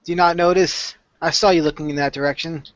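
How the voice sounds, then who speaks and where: A man's voice: on the high side, steady tone, fast. A man playing in a tabletop game, rambling and joking as he declares his moves. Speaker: player. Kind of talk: casual tabletop game play. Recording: dry, dull lo-fi recording.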